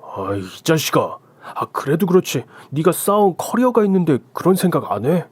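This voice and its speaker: A man's voice: a little high, sing-song, normal speed, slightly rough, dry recording, voice pushed up. A man doing a blunt, scolding colleague. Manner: brusque, scolding. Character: blunt male work colleague, frank friend.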